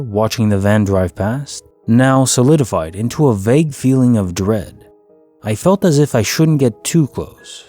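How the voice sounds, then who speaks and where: A man reads a first-person eerie tale in a calm, measured way. His voice is dark and mellow at an ordinary pitch for a man, and soft music plays faintly underneath. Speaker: story narrator. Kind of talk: scripted first-person story narration.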